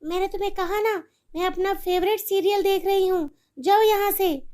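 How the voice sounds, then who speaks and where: A woman voicing a careless, self-absorbed mother who snaps and scolds in a shrill voice. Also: measured pace, a little mellow. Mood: scolding. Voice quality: shrill, snappish.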